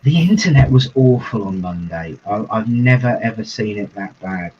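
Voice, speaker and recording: Speaking on the low side with lively intonation, the male reverend co-host keeps the livestream chat relaxed, laughing softly often and lingering over his phrasing. Slight background noise sits under the dull, lo-fi video-call audio.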